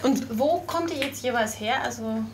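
A woman's voice: fairly high pitch, moderate pace, over a noisy crowd. A woman reporter narrating and asking friendly, curious questions. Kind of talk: reportage and interviewing.

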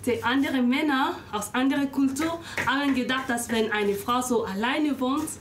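Woman, from Congo, non-native German, halting, higher voice, dishes clattering. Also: slight background noise. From Democratic Republic of the Congo. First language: not German. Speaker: flatmate interviewed. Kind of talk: casual conversation. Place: shared flat kitchen. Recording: kitchen clatter behind.

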